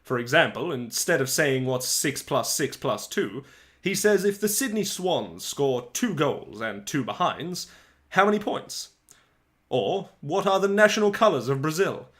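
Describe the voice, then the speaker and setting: A man with a voice on the high side plays an eager, chatty, wry eleven-year-old who is mad about soccer in a dramatic storybook reading. He keeps it conversational, with animated asides and pauses.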